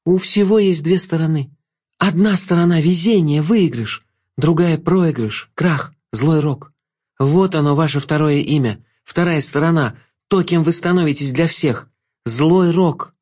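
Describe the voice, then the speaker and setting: Storybook heroine: a firm, defiant young girl with a raised, high voice, played by a man. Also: a little slow, darkish tone. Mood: determined.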